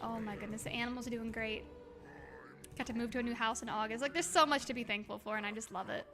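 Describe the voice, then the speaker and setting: A livestream host chats casually while playing a game, reading viewer messages aloud with a slightly high voice and a fast pace. She is expressive and affectionate, exclaiming often and gushing warmly, and says her voice is a bit hoarse. Music plays behind her.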